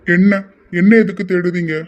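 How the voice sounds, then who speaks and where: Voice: mid-range voice, level tone, muffled recording, close to an everyday voice. Someone voicing a curt, reserved young groom. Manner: curt and evasive, unhurried. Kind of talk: amateur audio drama acting.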